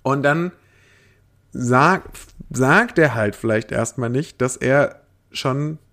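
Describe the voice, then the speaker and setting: A man of middle pitch co-hosting a relaxed podcast. He reads listener posts aloud, stumbles over fillers and breaks into laughter often. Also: slow. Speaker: podcast co-host. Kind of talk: casual chat, reading out a forum post.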